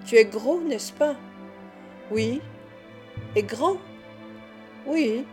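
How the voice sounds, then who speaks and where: A woman's voice: fairly high pitch, expressive, extremely slow, a little mellow, soft background music. A woman voicing a clever small male street acrobat who speaks in a teasing, sententious way. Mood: mocking.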